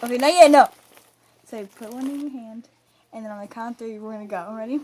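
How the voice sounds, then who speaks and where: Young woman doing casual vlog hosting, high voice, bit of background hiss. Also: fast talker, warm tone, rough recording. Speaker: video host.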